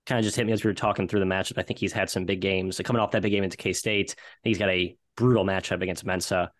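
Lowish voiced guy chatting sports picks, very dry close sound. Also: steady tone, quick pace, no room sound. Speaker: sports betting analyst. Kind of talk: casual sports betting chat.

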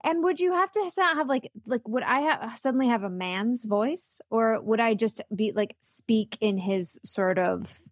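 A woman's voice: a little high, expressive, a little slow, hardly any pauses, no room sound, clean studio sound. A woman co-hosting a podcast in casual comedic chat, thinking aloud with hesitant restarts. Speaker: podcast co-host.

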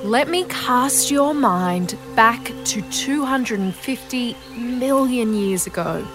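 An Australian woman narrates in the manner of a nature documentary, her voice pitched on the high side. She tells it in a measured, dramatic storytelling way, with music playing behind her. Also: lively intonation. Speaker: podcast host and narrator.

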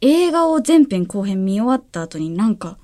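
A woman's voice: mid-range voice, sing-song, normal speed, dark tone. A woman in her twenties from Hyogo, a guest actress chatting in a friendly, polite, giggly way. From Hyogo, Japan. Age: 20s. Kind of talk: casual interview chat.

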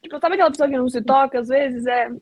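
A woman chatting casually on a live stream, excitable and anxious, laughing often. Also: high-pitched, very fast, no room sound.

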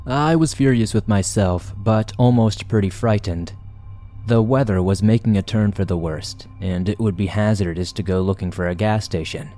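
A man reading a scary story aloud for a podcast, in a measured, wry storytelling manner. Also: on the low side, warm tone, soft background music. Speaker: podcast narrator. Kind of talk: scripted horror story narration.

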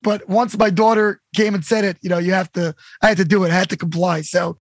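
Upbeat high-voiced man hosting a podcast. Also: fairly even intonation, fast talker, no echo, studio quality. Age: middle-aged. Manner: upbeat, repeats "amazing" and "incredible". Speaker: podcast host. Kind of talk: casual interview.

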